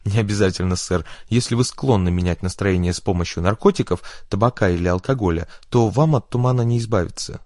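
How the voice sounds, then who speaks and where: Man playing a timid taxi driver, polite, chatty, deep voice, dry. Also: quick pace, few pauses, a little mellow, dry recording, close to an everyday voice. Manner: polite, says sir, panicky under threat.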